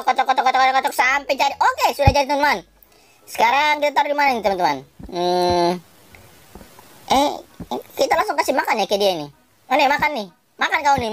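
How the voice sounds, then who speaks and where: Lively high-voiced woman gamer. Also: dry recording. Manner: excitable, chatty, talks straight to viewers and to the game characters; laughs often, swings between squeals and low mutters. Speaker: gaming channel host. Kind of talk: casual gameplay commentary.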